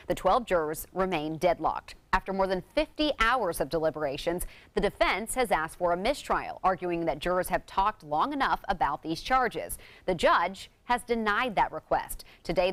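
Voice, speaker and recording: A woman reading scripted news as a television anchor. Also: on the low side. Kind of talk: scripted newscast narration. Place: TV news studio.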